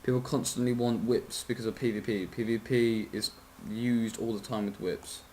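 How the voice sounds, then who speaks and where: A man's voice: medium pitch, little pitch movement, moderate pace, darkish tone. A drowsy man talks through a casual game tutorial in an ordinary mid-range voice. He rambles, keeps apologizing, trips over numbers and corrects himself, with the odd swear. A faint hiss sits under his voice. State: sleepy, yawning.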